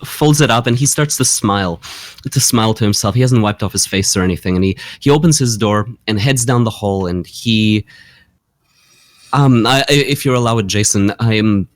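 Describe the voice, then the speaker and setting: A man's voice: fairly low pitch, moderate pace, dry recording. A man narrating his character in a tabletop game, hesitant and full of fillers. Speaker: player. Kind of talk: tabletop role-play narration.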